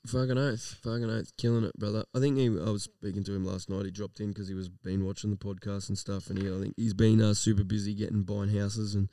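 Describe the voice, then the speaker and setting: A man's voice: fairly low pitch, level tone, quick pace, few pauses, warm tone, dry recording, recorded from a distance. An Australian man co-hosting a casual live podcast, talking in slangy, laid-back language with plenty of swearing. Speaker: podcast co-host.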